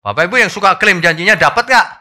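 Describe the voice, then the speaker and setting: A man preaching a church sermon, animated and rising loud for emphasis as he asks the congregation questions. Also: sits high, fast. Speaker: pastor.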